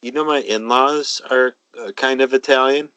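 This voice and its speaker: A man's voice: mid-range voice, fairly even intonation, sharp tone, slight background noise, poor audio. A man, co-hosting a casual chat and confidently handing out cooking advice. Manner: confident, advice-giving, drawn-out emphasis. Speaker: podcast co-host.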